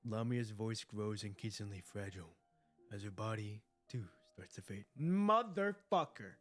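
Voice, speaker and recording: A man's voice: fairly low pitch, moderate pace, faint music behind. A man streaming his reaction to a game story, switching between casual commentary and dramatic read-aloud narration. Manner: excitable, profane, exclamatory.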